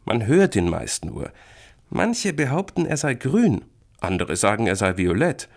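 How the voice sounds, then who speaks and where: A man voicing a cheeky, teasing older sister in a children's story, lively and raised. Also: mid-range voice, a little slow, creaky, voice pushed up, full character voice.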